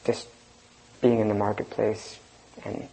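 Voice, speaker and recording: A man leading a group dharma discussion as teacher, talking slowly and reflectively with a soft-spoken manner and pauses. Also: lowish voice, monotone, vocal fry, slightly rough, rough recording.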